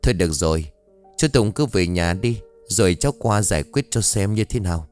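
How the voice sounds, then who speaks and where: A man voicing a calm, reassuring young village man who deals in talismans, in an audio story. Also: low-pitched, fairly quick, soft background music.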